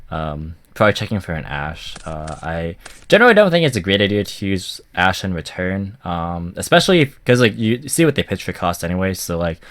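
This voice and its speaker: A man's voice: low-pitched, sing-song, a little fast, fairly bright tone. A man with a stuffy voice from a cold, casually commenting on a card game match and rambling with many ums and likes. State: stuffy, recovering from a cough.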